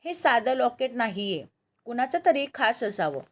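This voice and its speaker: A woman's voice: on the high side, very animated, moderate pace. A woman voicing a young woman who talks politely and earnestly.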